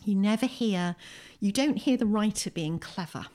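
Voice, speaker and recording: Speaking from her home, an English poet and writer answers as a podcast interview guest, articulate and reflective, emphasizing her points. Her voice is medium-pitched and warm, delivered at a moderate pace.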